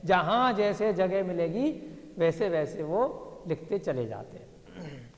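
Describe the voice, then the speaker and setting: A man's voice: a little high, a little mellow, long reverb tail. A male teacher explaining an inscription to a class, thinking aloud and checking in with his students. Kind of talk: classroom lesson reading an inscription.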